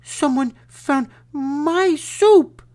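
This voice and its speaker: A man voicing a tiny, squeaky female baby polar bear in a storybook read-aloud, sputtering and wailing. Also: very slow, darkish tone, exaggerated voice. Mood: squeaky upset. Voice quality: high and squeaky.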